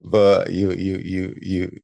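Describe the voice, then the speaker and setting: A man from Barbados with a very deep voice hosts a podcast. He speaks casually into a dry, close mic and guides the talk toward the next topic. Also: completely flat delivery, slow pace, gravelly, warm tone, no room sound. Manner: affirming, steering the conversation. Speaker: podcast host.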